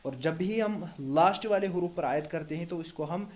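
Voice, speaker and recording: Leading a tajweed lesson one step at a time, this teacher patiently goes over letters again and quizzes the class. He talks at a normal speed in a voice on the high side.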